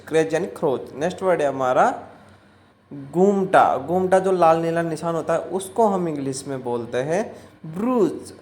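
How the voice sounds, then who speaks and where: Going one word at a time, a vocabulary teacher with a mid-range voice keeps a steady, repetitive rhythm, slowing to say each word and its meaning again.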